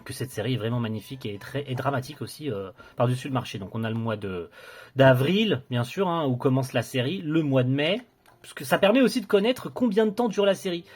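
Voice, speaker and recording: A man's voice: medium pitch, lively intonation, a little fast, slightly rough. A young man casually reviewing a collector's box set, enthusiastic but hesitant, with many fillers and restarts.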